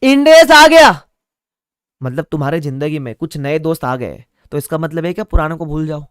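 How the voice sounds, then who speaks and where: This online exam-prep teacher talks fast in a voice that sits on the high side yet sounds darkish, clear and resonant, with a steady tone. He delivers a lively lecture, repeating the main points and adding playful asides. The sound is dry and studio-clean.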